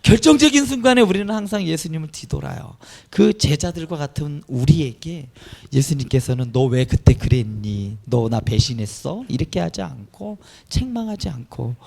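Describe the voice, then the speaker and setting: A male pastor delivers a sermon with a high, gravelly voice. His pitch swings widely as he preaches, rising to emphatic peaks. The delivery is animated and earnest. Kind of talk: Easter sermon.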